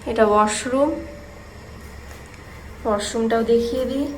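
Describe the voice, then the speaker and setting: High-pitched lady vlogging a hotel tour, gushy, lots of "মানে". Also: fairly even intonation, unhurried, darkish tone, slight background noise. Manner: gushing, fills with "মানে". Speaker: travel vlogger. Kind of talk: casual tour narration. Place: hotel room and grounds.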